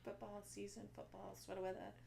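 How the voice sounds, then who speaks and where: A woman co-hosting a casual craft podcast, chatty and quick to laugh. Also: mid-range voice, monotone, gravelly, dark tone. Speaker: podcast co-host. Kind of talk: casual chat. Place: lives in Texas.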